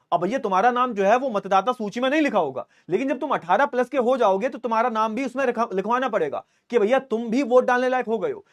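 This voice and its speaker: A man in his twenties teaching an online class in a chatty, teasing way, reading student comments aloud and joking with them. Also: very high voice. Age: 20s. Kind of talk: live online class lecture.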